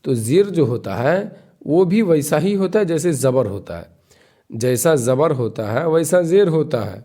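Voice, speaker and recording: A man teaching the alphabet over a screen lesson, his voice sitting a little higher than most men's. He drills the letter sounds slowly and patiently, and often stops to quiz the learner. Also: lively intonation, warm tone. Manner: patient, repeats and quizzes the learner. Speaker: Urdu teacher.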